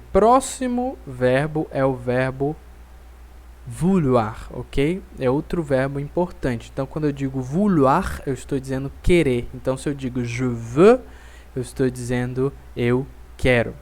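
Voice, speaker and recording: A man teaching French in an online lesson, saying example phrases slowly and repeating them for learners to echo. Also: medium pitch, animated, a little mellow.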